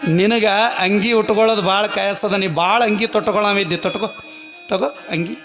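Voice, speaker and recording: A man's voice: high-pitched, fairly even intonation, moderate pace, music in the background. A man voicing a kind, generous young boy with a North Karnataka Kannada accent, speaking earnestly and emphatically. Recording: long hall reverb.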